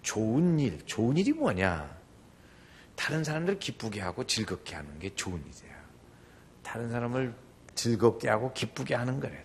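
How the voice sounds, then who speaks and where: Gravelly, animated older pastor man. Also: mid-range voice, normal speed, a little hiss or hum. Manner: animated, acts out quoted voices. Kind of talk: sermon.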